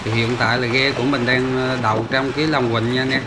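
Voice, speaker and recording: A man's voice: mid-range voice, level tone, quick pace. A man hosting a fishing vlog, narrating casually from a boat in a harbor, with many fillers and restarts. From Vietnam. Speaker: fishing channel host. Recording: loud wind and ambient noise.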